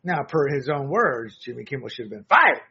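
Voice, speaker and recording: A man's voice: medium pitch, very animated, fairly quick, husky. Combative male political commentator, lo-fi. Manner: combative, sarcastic, rising to shouts. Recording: dull lo-fi audio.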